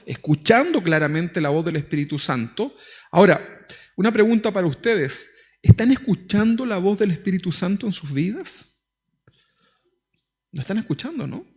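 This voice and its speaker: A man's voice: sits high, animated, normal speed. A man with a Chilean Spanish accent preaching a sermon as pastor, talking conversationally with many rhetorical questions. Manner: acts out quoted prayers.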